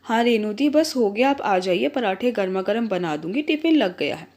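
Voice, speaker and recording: A woman voicing a patient young wife who speaks gently and politely. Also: mid-range voice, expressive, normal speed. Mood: gentle.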